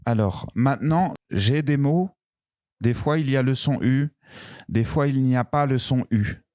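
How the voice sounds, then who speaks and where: A man teaching a beginner pronunciation lesson, speaking very slowly and carefully, repeating each word and stretching the vowels. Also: medium pitch, darkish tone, no room sound, studio quality. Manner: very slow, careful, repeating words and drawing out vowels. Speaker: French teacher.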